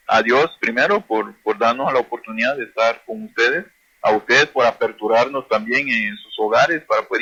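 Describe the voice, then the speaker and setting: A man teaching a language class, slowly repeating and drilling words for his listeners. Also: medium pitch, sharp tone, slightly rough, muffled recording. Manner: slow, repetitive drilling of words.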